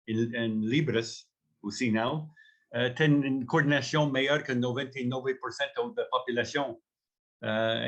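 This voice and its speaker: A Canadian man, a native English speaker with a Canadian accent, talks informally as a company founder. His voice is mid-range and fairly bright, and his speech is halting and word-searching, like a non-native speaker's.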